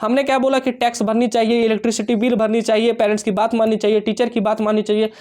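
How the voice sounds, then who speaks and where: A man teaching an exam-prep English lesson, explaining step by step and reading English sentences out slowly. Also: high voice, flat delivery. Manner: addresses students warmly as dear children.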